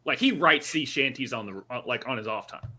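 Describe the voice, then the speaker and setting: Very bright-voiced, animated man bantering. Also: mid-range voice, fairly quick, slightly rough. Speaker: sports show co-host. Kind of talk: casual joking banter.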